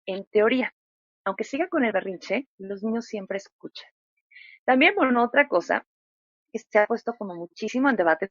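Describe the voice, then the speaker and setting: Woman, thirties, psychologist, expressive, acts out examples, dry close sound. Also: medium pitch, no echo, highs cut off. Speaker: psychologist guest. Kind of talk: interview answers.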